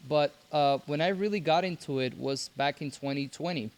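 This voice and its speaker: A young Cuban man raised in Mexico appears as a guest on a podcast for a casual interview. His somewhat high voice comes out haltingly, with many restarts.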